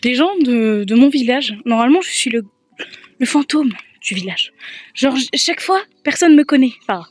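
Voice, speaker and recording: A woman's voice: high voice, expressive, moderate pace. Chatty young woman vlogging on a phone. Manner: rambling, self-mocking and chatty. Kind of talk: casual vlog chat. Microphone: handheld phone.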